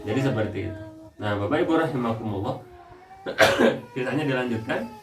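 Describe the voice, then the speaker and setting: A young man's medium-pitched, fairly quick voice, Indonesian with Sundanese coloring, belongs to an Islamic preacher speaking on family. He keeps the congregation engaged through animated, humorous tales about himself. The audio is echoey, mic'd from afar, with background noise.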